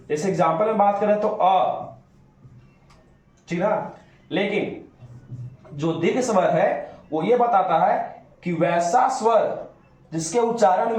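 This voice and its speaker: High-voiced teacher in echoey room. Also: male voice. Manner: drawn-out demonstrative vowel sounds, coaxing questions to students. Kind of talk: classroom grammar lesson.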